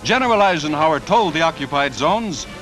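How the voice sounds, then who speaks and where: A man's voice: fairly high pitch, lively intonation, a little fast, fairly bright tone, poor audio. A man narrating a 1940s newsreel with a punchy announcer delivery and wry quips. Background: music score.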